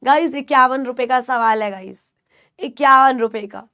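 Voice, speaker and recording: A woman's voice: high voice, normal speed, pushed and bright. A young woman teaching an online class with a sore throat, drilling her students with call-and-response and teasing scolds.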